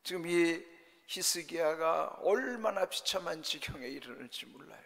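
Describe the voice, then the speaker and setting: A man's voice: on the high side, a bit bright. A man preaching a sermon as pastor, emphatic, often prompting the congregation with short questions. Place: church sanctuary. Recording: church hall reverb.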